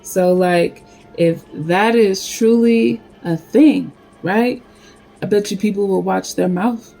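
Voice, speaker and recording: A woman with a low, gravelly voice gives a spiritual card reading at an unhurried pace. Her tone is dark and mellow, and she wanders from thought to thought with plenty of fillers. Soft music plays faintly behind her. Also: poor audio. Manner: slow, meandering, full of fillers. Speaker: spiritual reader.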